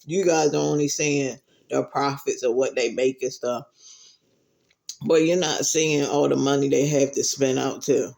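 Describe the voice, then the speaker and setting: A man chatting casually to viewers while he eats, giving earnest advice with pauses between phrases. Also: mid-range voice, fairly even intonation, vocal fry, darkish tone. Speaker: mukbang vlogger.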